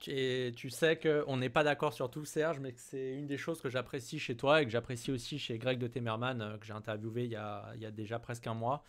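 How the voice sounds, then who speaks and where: A man's voice: medium pitch, steady tone, fairly quick, few pauses. A man with a French accent hosting a live stream, chatting loosely and relaying questions from the chat. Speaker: host.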